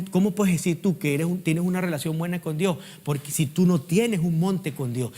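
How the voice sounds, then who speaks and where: Middle-aged pastor guy preaching, call and response, gets loud then drops low, voice sits a bit high. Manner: swings between loud emphatic peaks and quiet low asides. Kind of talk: sermon.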